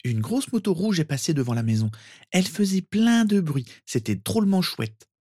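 A man's voice: a little high, fairly quick, a little mellow, no room sound, clean studio sound, pitched above the performer's own voice. A man reading a storybook and voicing a mischievous, sleepy young boy in a childish whisper.

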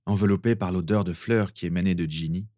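A man reading fan fiction aloud in a calm, expressive narration. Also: low-pitched, brisk, no echo, clean studio sound. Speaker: reader.

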